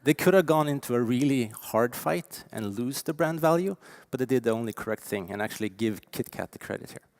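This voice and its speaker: A man's voice: medium pitch, brisk, hardly any pauses, dry recording, studio quality. Norwegian-accented man giving an emphatic keynote. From Norway. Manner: lively, emphatic, with frequent fillers. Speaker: keynote speaker. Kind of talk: conference keynote talk. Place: conference stage.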